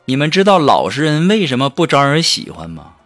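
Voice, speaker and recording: Playful man telling jokes, very lively pitch. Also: fairly quick. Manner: playful, teasing, chatty. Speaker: comedic storyteller. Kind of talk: humorous monologue. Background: background music.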